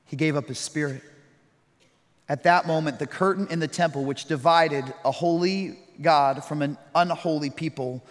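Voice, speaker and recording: A man in his thirties preaching a sermon, swinging between loud storytelling and hushed, slow reflection. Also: fairly high pitch, in a large hall. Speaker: pastor.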